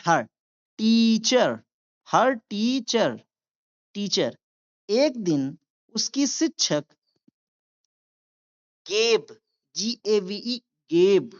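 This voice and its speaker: A woman with an Indian accent teaching English reading, spelling words letter by letter and repeating each one before explaining it. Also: mid-range voice. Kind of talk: slow word-by-word reading lesson. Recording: dull lo-fi sound.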